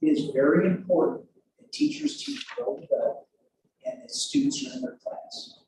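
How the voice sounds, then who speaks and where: A man's voice: high-pitched, big pitch swings, normal speed, warm tone. A man addressing a school board at a public meeting in a blunt, self-described sarcastic way. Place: meeting room. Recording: echoey room mic from a distance with hiss.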